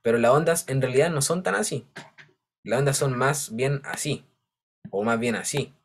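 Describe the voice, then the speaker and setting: A man's voice: mid-range voice, moderate pace, breathy edge. Man, teacher, patient step-by-step explaining, frequent check-ins. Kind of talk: online class lecture.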